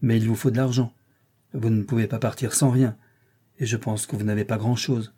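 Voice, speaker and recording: A man reading an audiobook, voicing a brusque, teasing wealthy gentleman employer. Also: mid-range voice, little pitch movement, normal speed, husky, lightly acted.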